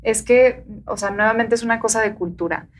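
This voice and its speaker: A woman's voice: fairly high pitch, a little fast, a little hiss or hum. A woman with a Mexican accent, talking earnestly as a guest on a casual podcast. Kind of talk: casual chat.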